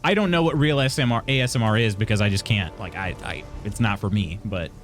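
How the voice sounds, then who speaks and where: Soft music plays behind a young man who reads his live chat out loud and talks back to it. He speaks on the low side, in a chatty, hesitant way with many restarts.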